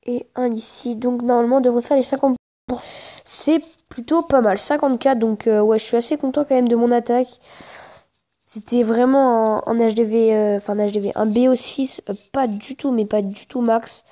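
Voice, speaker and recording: Casting: female gamer, higher-pitched yet soft-toned, casual play-by-play, slangy grumbler who repeats herself while thinking. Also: fairly even intonation, normal speed. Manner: informal slangy speech, often swearing in frustration; hesitant, repeats phrases while thinking aloud. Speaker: gaming video creator. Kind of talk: casual live gameplay commentary.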